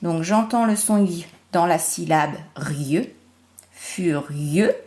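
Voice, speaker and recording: A woman teacher giving a remote phonics lesson to young children, slowly spelling out syllables and sounds. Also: lowish voice, darkish tone. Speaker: primary school teacher.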